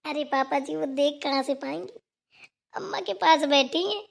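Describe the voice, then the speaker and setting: A woman voicing a polite, gentle young daughter-in-law in a cartoon. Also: sits high, moderate pace, creaky. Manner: respectful, gentle. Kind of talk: cartoon voice acting.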